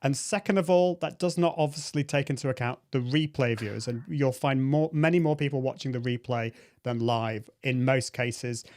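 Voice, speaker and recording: A man's voice: medium pitch, fairly even intonation, normal speed, hardly any pauses, darkish tone. A man, a guest expert, giving reassuring advice in a casual live stream interview over a video call.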